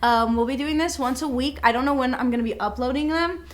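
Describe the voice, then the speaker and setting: High-pitched and fast, the young adult co-host laughs her way through an informal, unscripted podcast conversation with friends, cursing freely.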